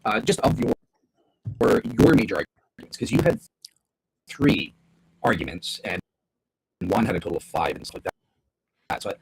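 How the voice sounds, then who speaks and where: A very low-voiced man speaks as a debate guest on an online call, with a husky edge to his voice. He talks hesitantly, stumbling and repeating his words. His audio crackles with static, and its volume swells and drops out unevenly. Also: very animated, normal speed, long pauses, a little mellow, dry recording. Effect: static-filled audio with uneven, dropping volume. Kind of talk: conversational debate review. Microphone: online call microphone.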